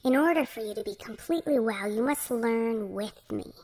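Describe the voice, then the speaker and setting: A woman voicing a kind, gentle female fairy healer who speaks softly and patiently. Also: fairly high pitch, moderate pace, pitched above the performer's own voice, natural voice. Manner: soft, patient, coaxing.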